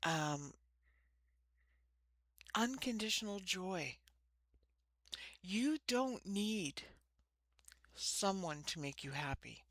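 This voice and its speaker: A woman with a lisp and slushy s sounds, giving an informal spiritual talk to camera in short, halting phrases. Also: medium pitch, lively intonation, a bit bright, no room sound, studio quality. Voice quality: lisping, slushy sibilants from ill-fitting dentures. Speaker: host of a spiritual card-reading channel. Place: small room.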